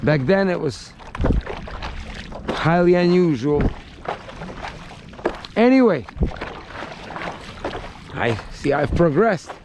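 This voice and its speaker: A man's voice: a little high, very animated, slow pace, gravelly, pauses often, background noise. A man vlogging from an outdoor beach club, ranting in a profane, agitated way and mocking the way other people talk. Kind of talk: unscripted rant to camera.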